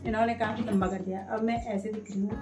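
Filming on a handheld phone in her living room, she talks quickly and repetitively in casual vlog style, her mid-range voice showing little pitch movement. The room sounds roomy, and background music accompanies her.

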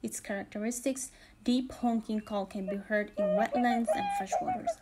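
A woman's voice: a little high, wildly swooping pitch, normal speed, very noisy. A woman reading scripted nature documentary narration in a formal, informative manner.

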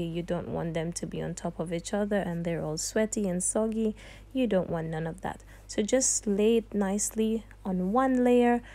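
A young woman with a lowish, darkish voice hosts a cooking channel tutorial. She walks the viewer through each step in a chatty, sassy manner, calling them "darling" and "honey."

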